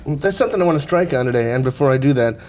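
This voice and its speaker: A man's voice: medium pitch, lively intonation, rapid-fire, a little mellow, a little hiss or hum. A man hosting a live call-in TV talk show in a studio, teasing his guests and rambling in a joking way.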